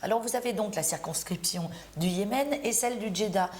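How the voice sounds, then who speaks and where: A woman's voice: medium pitch, brisk, darkish tone, slight background noise. A woman interviewer asking questions, often with fillers and restarts.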